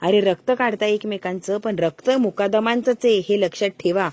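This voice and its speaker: A woman's voice: medium pitch, moderate pace, a little mellow, natural voice. A woman doing a stern old grandmother. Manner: scolding, commanding.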